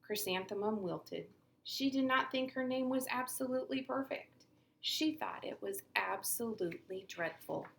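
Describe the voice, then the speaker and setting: Gravelly woman reading a storybook aloud. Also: a little high, measured pace, roomy sound, slight background noise. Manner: expressive, storytelling read-aloud. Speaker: teacher. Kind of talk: reading a picture book aloud. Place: classroom.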